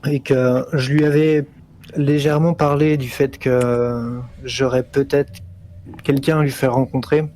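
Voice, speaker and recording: A man playing a tabletop game, speaking in character in a measured, explanatory way. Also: mid-range voice, little pitch movement, a little mellow. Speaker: player. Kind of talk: in-character tabletop role-play.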